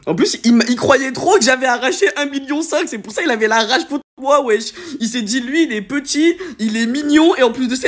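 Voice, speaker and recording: In a laid-back, slang-heavy way, a young influencer tells his followers a story from his own life, his volume jumping between loud outbursts and low muttering.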